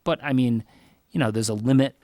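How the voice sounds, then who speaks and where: A man from Connecticut answering interview questions in an earnest, measured way as a job candidate. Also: mid-range voice, darkish tone, no room sound. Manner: earnest, measured, thinks aloud. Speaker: job candidate for town manager.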